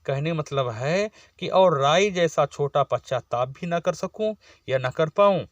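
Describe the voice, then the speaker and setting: Man, teacher type, slow deliberate delivery, fairly high voice, dry close sound; reads verse then explains it. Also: animated, no echo, dull audio. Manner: recites verse slowly then explains in plain words. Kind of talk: line-by-line poetry explanation lesson.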